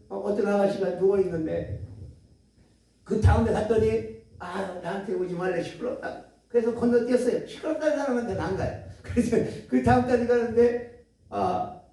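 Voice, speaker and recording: Very high-voiced man preaching in an echoey hall. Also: normal speed, recorded from a distance. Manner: animated, acts out dialogue, laughs often. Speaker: guest lecturer at a retreat center. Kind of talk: testimony sermon with storytelling.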